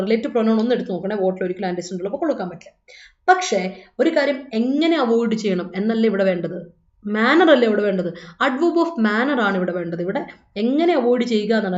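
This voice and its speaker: A woman with a Malayali accent and a fairly high, darkish voice teaches an English exam class live online, chatting and coaxing her students along. The audio is dull and lo-fi, with echo from the room.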